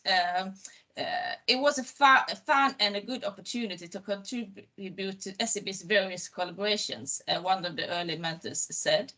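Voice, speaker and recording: A woman's voice: medium pitch, sharp tone. A woman presenting on a panel, often repeating words as she goes. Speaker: panel guest, mentor.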